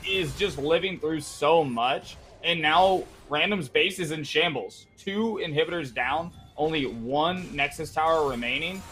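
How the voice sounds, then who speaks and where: A man with a slightly high voice breaks down an esports match live. His analysis is loose and chatty, full of fillers. Faint music plays behind him. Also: measured pace, hardly any pauses, a bit bright. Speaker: esports color commentator. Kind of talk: live game analysis commentary.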